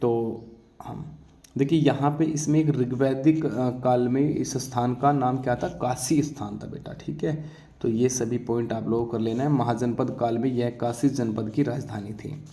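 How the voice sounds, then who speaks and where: At a normal pace, a mellow man of medium pitch and fairly steady intonation coaches students for an exam. The room echoes as he keeps asking check-in questions and answering them himself.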